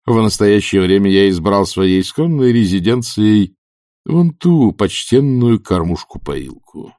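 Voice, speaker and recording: A man voicing a grandiose male stage actor who speaks in slow, flowery, theatrical phrases. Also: on the low side, big pitch swings, mellow, no echo, clean studio sound. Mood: grand. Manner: flowery, drawn-out theatrical speech.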